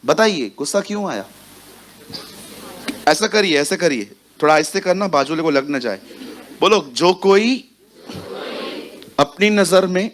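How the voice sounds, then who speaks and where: A man's voice: a little high, unhurried, pauses often, a little hiss or hum. A man preaching a sermon to a congregation, telling personal stories and acting out the voices of the people in them. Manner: lively, acts out quoted voices; confessional storytelling to a congregation.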